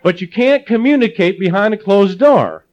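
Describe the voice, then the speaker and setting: A man's voice: high voice, moderate pace. Middle-aged guy preaching, swoops way up and down, joking around, kinda dull lo-fi sound. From Ohio. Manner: animated storytelling, jokey asides. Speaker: pastor. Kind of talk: sermon. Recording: slightly dull lo-fi audio.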